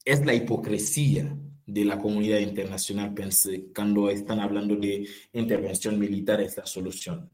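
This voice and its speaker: A man's voice: lowish voice, fairly even intonation, moderate pace, a little mellow. A man from Haiti speaks as a political activist, emphatic and repeating phrases for rhetorical weight. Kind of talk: impassioned political talk.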